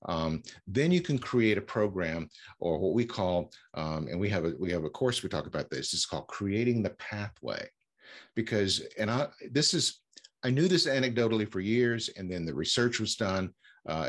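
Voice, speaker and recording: A man speaking as a fundraising consultant in an interview, explaining with frequent fillers and restarts. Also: sits low. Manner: halting, many fillers and restarts. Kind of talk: conversational interview answers.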